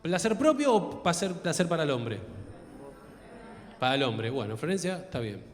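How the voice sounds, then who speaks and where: Young argentine guy doing stand-up, high and bouncy voice, echoey theater hall. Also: sing-song, moderate pace. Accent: Argentine Spanish. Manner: crude, crowd-work, acts out voices. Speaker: stand-up comedian. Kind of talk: stand-up comedy. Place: theater stage.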